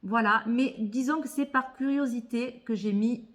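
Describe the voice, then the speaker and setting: A woman's voice: fairly high pitch, measured pace. A woman vlogger chatting casually about tarot decks, thinking aloud and often repeating words as she hesitates. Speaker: tarot and oracle card vlogger. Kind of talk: casual haul chat.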